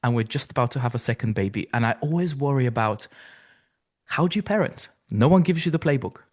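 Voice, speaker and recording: A male podcast host, reflective and curious as he asks probing questions. His voice sits in a mid range, and he speaks at an even conversational pace. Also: medium pitch, quick pace. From Bulgaria. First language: Bulgarian. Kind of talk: interview conversation.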